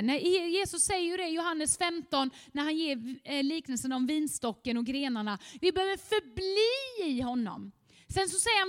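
A woman preaching a fervent sermon, at times rising almost to shouting. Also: high-pitched, in a large hall.

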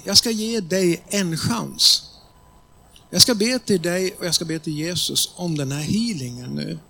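A man's voice: high voice, gravelly, pushed and bright, full character voice. A man voicing a skeptical male new age healer in a retold story, speaking bluntly.

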